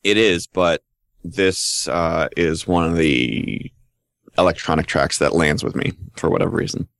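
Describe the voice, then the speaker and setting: A man co-hosting a casual music podcast, speaking in a measured, deliberate way. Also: low-pitched, gravelly, fairly bright tone, dry recording, clean studio sound. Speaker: podcast co-host.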